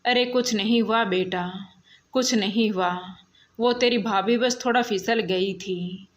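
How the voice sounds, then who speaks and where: Woman reading as a cruel mother-in-law, harsh and threatening, slow storybook voice. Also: medium pitch, close to an everyday voice. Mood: coaxing. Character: cruel scheming middle-aged mother-in-law.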